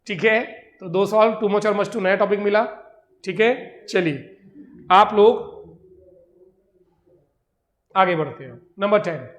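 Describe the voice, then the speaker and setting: Teaching English grammar to a class, this man speaks with an Indian accent, explains everything in Hindi, and slowly reads out English examples. He is high-pitched, and the audio carries room sound.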